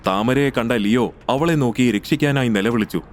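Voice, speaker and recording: A man narrating a scripted audio story in a steady, measured way. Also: medium pitch.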